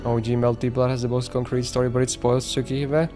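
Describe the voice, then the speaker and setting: A man's voice: mid-range voice, little pitch movement, quick pace, over music. A young man streaming a visual novel, reading its text aloud and joking between lines. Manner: casual, joking, reacts with laughs. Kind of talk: gameplay commentary and reading game text aloud.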